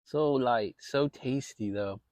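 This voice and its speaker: A man's voice: medium pitch, takes it slowly, darkish tone, dry recording. Easygoing American man chatting outdoors, dry sound. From Maryland, United States. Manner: easygoing, rambling, mildly salty language. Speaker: vlog host. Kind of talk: casual outdoor backyard chat to viewers. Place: outdoors in a shaded backyard.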